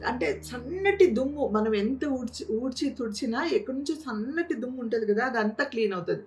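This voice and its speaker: A woman's voice: on the high side, animated, fast talker, a little mellow, faint music behind. Older woman, dry and teasing. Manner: dry teasing, skeptical questions. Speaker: vlogger's mother-in-law. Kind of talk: casual family banter.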